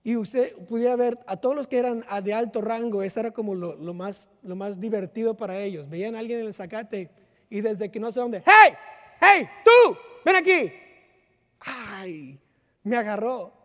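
A man preaches in a loose, conversational way, weaving in personal anecdotes and little acted-out lines. His voice sits high for a man. A long hall reverb trails each phrase. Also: fairly even intonation, a little fast, warm tone. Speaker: pastor. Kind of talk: sermon.

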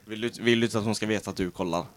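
A young man in a casual podcast chat, arguing his point quickly and laughing often. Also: on the low side, fairly even intonation, a little hiss or hum.

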